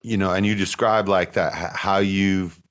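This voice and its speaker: A man hosting a podcast who asks relaxed, probing follow-up questions. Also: low voice, normal speed. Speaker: podcast host. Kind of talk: conversational interview questions.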